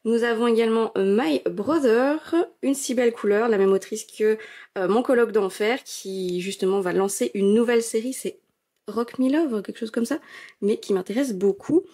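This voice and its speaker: A young adult woman from France, chatty and enthusiastic as she narrates a casual shelf-tour vlog, filling pauses with little hesitations. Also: a little high, mellow. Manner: chatty and enthusiastic, gushing, many euh fillers. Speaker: manga collection vlogger.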